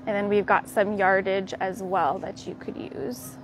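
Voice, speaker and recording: A young woman with an American accent hosting a live tour of a quilt fabric shop, walking the aisles and showing products in a friendly, unhurried way. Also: mid-range voice, steady tone, background noise. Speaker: quilt shop staff host.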